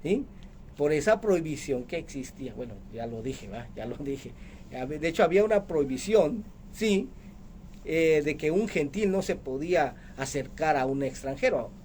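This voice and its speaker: A man's voice: fairly high pitch, expressive, normal speed, a little mellow, slight background noise. A man preaching a radio sermon as the program's host, emphatic, asking rhetorical questions and calling listeners brother.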